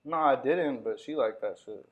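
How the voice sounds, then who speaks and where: A man's voice: medium pitch, moderate pace, lo-fi sound. A man in casual, crude chat among friends, boastful and often laughing. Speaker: co-host.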